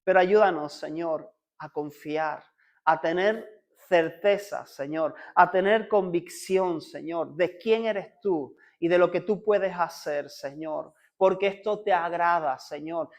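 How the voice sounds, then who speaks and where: A man's voice: on the high side, slow. A man with a Spanish accent leading a congregation in fervent prayer, repeating "Lord" over and over as he pleads. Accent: Spanish (Spain). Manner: fervent prayer, repeating "Señor" constantly, rising to urgent pleading. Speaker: pastor.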